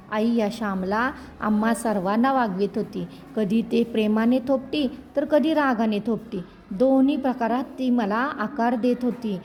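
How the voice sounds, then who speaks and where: A woman narrating a storybook in a measured, expressive reading. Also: a little high, slight background noise.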